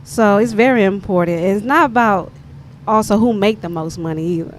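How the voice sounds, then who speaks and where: A woman's voice: medium pitch, moderate pace. A woman with a Southern US accent, talking animatedly in a casual panel chat. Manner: animated, laughing, talkative. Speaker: panel guest. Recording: noisy background.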